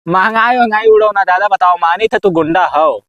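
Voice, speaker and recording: A man's voice: high-pitched, a little fast, no room sound, dull audio, lightly acted. A man with an Awadhi accent playing a pushy, cajoling village go-between in an amateur comedy sketch. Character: pushy village go-between arranging a contract killing.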